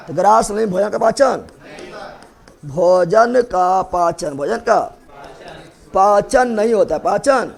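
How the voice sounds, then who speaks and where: A man's voice: high-pitched, creaky. A man teaching a biology class, drilling students with repeated questions and playfully scolding them. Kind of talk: classroom lecture.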